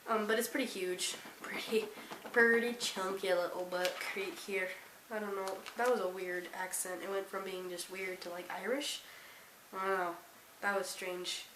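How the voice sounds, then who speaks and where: A teenage girl chatting casually about books she read this month, rambling with self-deprecating asides. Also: mid-range voice. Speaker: book vlogger. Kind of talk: casual monthly reading wrap-up. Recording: roomy, slightly distant, faint hiss.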